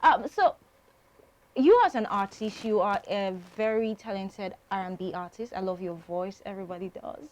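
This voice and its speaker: A woman's voice: medium pitch, normal speed, low-quality recording. A woman from Nigeria hosting an entertainment interview, chatty and effusive as she praises and questions her guest. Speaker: show host interviewer.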